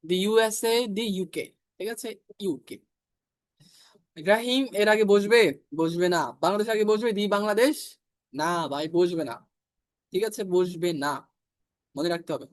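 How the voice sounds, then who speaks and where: A man teaching an IELTS class, explaining grammar step by step, repeating English examples slowly and checking in often with his students. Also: high voice, no room sound. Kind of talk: online class lecture.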